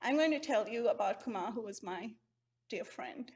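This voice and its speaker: A middle-aged woman from Sri Lanka, giving an earnest, heartfelt memorial eulogy at a measured pace. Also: on the high side, lively intonation, husky.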